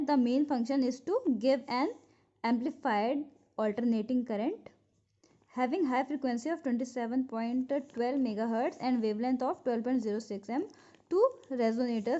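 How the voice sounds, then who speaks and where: A physiotherapy teacher with an Indian accent lectures from notes, explaining key points and repeating them so they can be memorized. Her voice sits on the high side with a warm tone, captured in a dull lo-fi recording.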